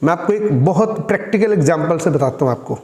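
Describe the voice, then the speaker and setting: A man's voice: on the high side, lively intonation, brisk, a little mellow. A man giving a spoken communication-skills lesson, addressing listeners as friends and showing how tone changes the meaning of the same words. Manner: demonstrates tone by repeating the same lines in different ways. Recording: roomy echo with long reverb.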